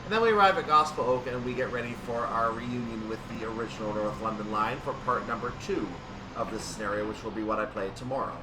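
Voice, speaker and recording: Talking fast in a mid-range voice, a man streams a train simulator game and calls his own moves like an announcer. He's recorded on a distant mic under loud, vehicle-like background noise.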